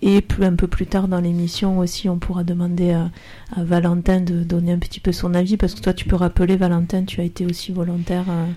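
Mellow-voiced woman hosting a radio show. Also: fairly low pitch, completely flat delivery, brisk. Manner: hesitant, frequent fillers. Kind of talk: radio talk show interview. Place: radio studio.

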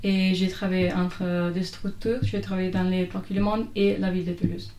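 Radio guest, woman in her twenties, Italian accent, low mellow voice, reverberant room. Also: flat delivery, moderate pace. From Italy. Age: 20s. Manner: careful, learner's French. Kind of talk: radio interview answers. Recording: echoey room.

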